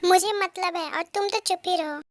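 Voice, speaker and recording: Woman voicing a jealous teen boy, possessive, scolding, very high voice, fan-dubbed love story. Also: fairly even intonation, moderate pace, dry recording. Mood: angry jealous. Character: teenage boy, protective, jealous, hot-tempered.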